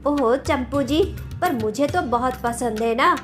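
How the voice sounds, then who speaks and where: A woman's voice: high voice, measured pace. A woman voicing a stubborn, sassy young daughter-in-law in a cartoon story, with a mocking manner. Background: background music.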